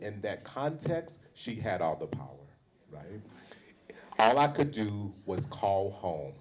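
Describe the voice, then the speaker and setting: A man telling a personal story at a panel talk, animated, acting out what people said. He works as a university teacher. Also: medium pitch, rough recording. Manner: animated storyteller, acts out quotes. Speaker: panel speaker.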